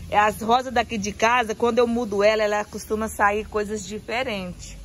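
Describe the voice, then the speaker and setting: An effusive woman showing off her home garden, talking into a handheld phone outdoors. Her pitch sits in an ordinary middle range. She keeps admiring every plant aloud, with a faint hiss of noise behind her. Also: flat delivery, moderate pace, low-quality recording. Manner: effusive, admiring, repeats praise often. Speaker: vlogger giving a garden tour. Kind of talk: casual garden tour vlog.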